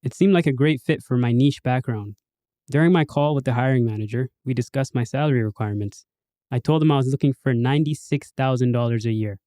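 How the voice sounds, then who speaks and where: A man's voice: mid-range voice, fast, dark tone, no echo, studio quality. A man hosting a podcast in casual chat, reading listener posts aloud and putting on a bigger host voice for sign-offs.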